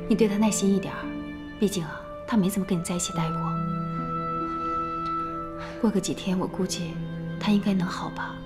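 Woman playing young mother, gentle, soothing, mid-pitched voice, background music. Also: fairly even intonation, brisk, pauses often, close to an everyday voice. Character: patient young mother soothing her child. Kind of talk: TV drama acting.

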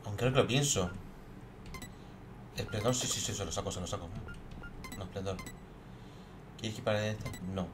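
Quiet muttering man playing a game. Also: on the low side, normal speed, pauses often, distant mic, music in the background. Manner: muttering to himself while playing. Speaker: gameplay streamer. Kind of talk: let's play commentary.

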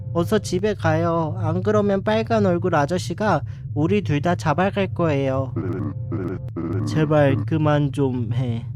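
A man reading the game lines of a frightened young child who begs his parents to stop. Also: high voice. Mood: pleading.

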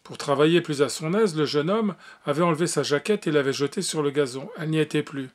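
A man reads an old adventure novel aloud, his voice a little high for a man. He hesitates and restarts often, filling gaps with small sounds. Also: quick pace. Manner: hesitant, with frequent fillers and restarts. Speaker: audiobook reader.

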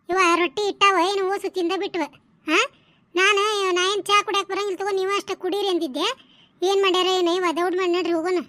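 A woman voicing shrill gossiping village women. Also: fairly bright tone, dry recording. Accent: North Karnataka Kannada. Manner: quick scolding village banter, exclamatory. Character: bickering gossipy village women, nosy and sharp-tongued. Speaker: voice of a cartoon series. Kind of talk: village gossip cartoon voice acting.

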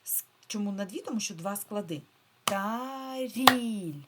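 A woman teacher giving a remote reading lesson to first graders, patiently repeating key words and stretching them out slowly, syllable by syllable. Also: mid-range voice, very noisy. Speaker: primary school teacher.

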